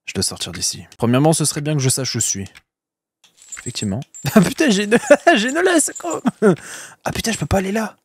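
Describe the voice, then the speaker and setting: A man's voice: high voice, lively intonation, a little fast, breathy edge, dry recording. Crude joking French game streamer man. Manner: crude, joking, swears a lot. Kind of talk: casual let's-play commentary.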